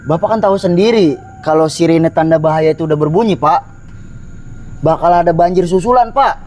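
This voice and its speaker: An actor playing a frantic school worker who pleads and insists a flood is coming, with faint music under the scene. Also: male voice, fairly high pitch, fairly quick, a little mellow, close to an everyday voice, rough recording. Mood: pleading. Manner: panicky, pleading, keeps adding "Pak". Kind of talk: horror film acting.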